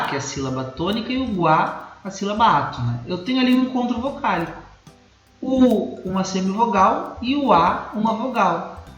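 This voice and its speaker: Professor brasileiro de voz aguda e animada. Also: male voice, sits high, fairly bright tone. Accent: Brazilian Portuguese. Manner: explanatory, checks in with the class often. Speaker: teacher. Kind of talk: recorded grammar lesson. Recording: muffled, roomy echo, faint music.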